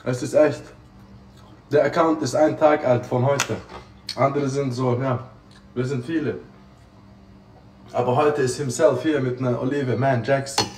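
A man's voice: mid-range voice, steady tone, a little slow, long pauses, a little mellow. A young man chatting casually on a livestream in effusive, exclamatory street slang with English interjections, recorded on a phone a step away indoors. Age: young adult. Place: small living room with kitchen, indoors. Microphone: phone propped up a step away. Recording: roomy sound, distant phone mic.

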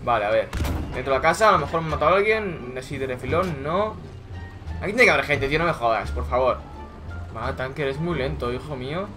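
Excitable young gamer, lively pitch. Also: male voice, fast. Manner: excitable, swearing, shouting at kills. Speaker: gaming YouTuber. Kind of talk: live gameplay commentary. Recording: music in background.

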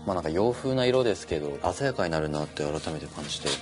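Low-voiced young man talking quickly. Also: animated, over music. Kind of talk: casual reflective interview talk.

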